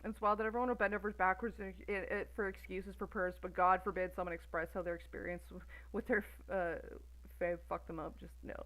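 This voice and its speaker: A woman's voice: on the low side, steady tone, a little fast, a bit bright, poor audio. A woman in her thirties ranting on a stream in a profane, sarcastic, exasperated way. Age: 30s. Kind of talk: casual ranting commentary.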